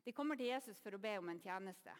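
Woman preaching with a lively storytelling manner. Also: mid-range voice, long reverb tail. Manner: lively storytelling, acts out voices. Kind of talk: sermon.

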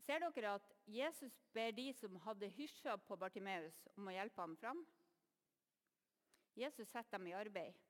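A woman preacher giving a sermon, retelling the story in a lively way and acting out the voices. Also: on the high side, in a large hall.

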